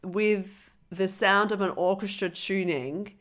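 A woman co-hosting a casual film discussion podcast, talking in an animated way and swearing freely. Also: mid-range voice, slow. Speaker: podcast co-host.

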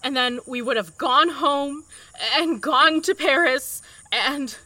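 A woman's voice: high voice, slow pace, sharp tone, dry recording, exaggerated voice. An actress playing a feisty, blunt but tender woman in love in an audio drama. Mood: exasperated, upset.

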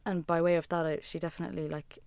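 A woman's voice: low-pitched, level tone, fast, darkish tone, clear, resonant tone, no room sound. A woman, a musician and former designer, talking as a guest in a casual interview, rambling and full of "like" fillers. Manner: rambling, heavy use of "like" fillers.

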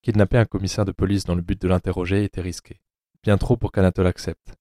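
A male narrator with a very low, dark and mellow voice reads an audiobook drama in a measured, sombre way. The sound is close and dry, with no room around it. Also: flat delivery, no room sound.

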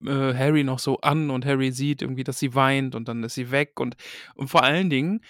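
A man's voice: mid-range voice, fairly even intonation, fairly quick, fairly bright tone, dry recording, studio quality. A man hosting a casual book-discussion podcast, chatty and reading short passages aloud.

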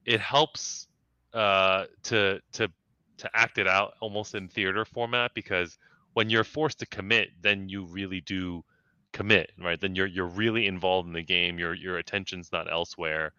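A man's voice: sits low, fairly even intonation, normal speed, sharp tone, clean tone, no room sound. A man talking as a podcast guest in casual chat, reflective and working through his thoughts with restarts. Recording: slightly dull lo-fi sound, dry.

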